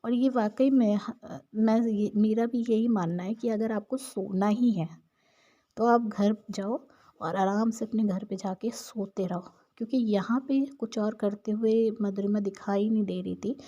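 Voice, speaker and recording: Chatty woman recapping a show, mellow. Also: medium pitch. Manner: chatty, opinionated storytelling. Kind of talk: casual episode recap narration.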